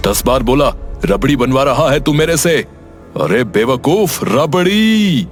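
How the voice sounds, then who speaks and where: A grumpy village sweet-shop owner in a cartoon, played by a man with a middle-pitched voice. He is gruff and impatient and throws insults. Cartoon music plays loudly beneath him. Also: lively intonation, measured pace, lightly acted. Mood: annoyed. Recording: background music under voice.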